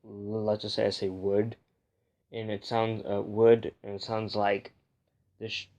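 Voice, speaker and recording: A man's voice: fairly low pitch, monotone, moderate pace. A young man hosting a casual, rambling review, pronouncing his R's like W's and sometimes slipping on his L's. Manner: says w for r, sometimes slips on l. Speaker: host of a comic book review show.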